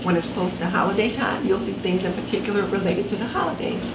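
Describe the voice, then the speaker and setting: This is a sixties-aged woman vlogging in her home kitchen, talking casually and fast at a medium pitch while wearing dental retainers that slightly impede her speech. A distant camera mic captures a roomy sound and clear background noise.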